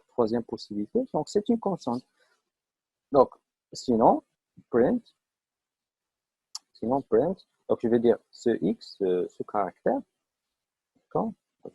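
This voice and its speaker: A man's voice: mid-range voice, warm tone, breathy edge, no room sound. A man teaching a live online programming class, explaining step by step with frequent fillers and checks that students follow. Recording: dull lo-fi online class audio.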